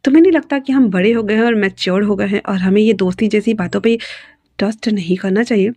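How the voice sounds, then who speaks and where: A woman's voice: medium pitch, fast talker, a little mellow, dry recording, lightly acted. Cold, irritated young man, curt and dismissive, storybook part read by a woman in a dry, close voice.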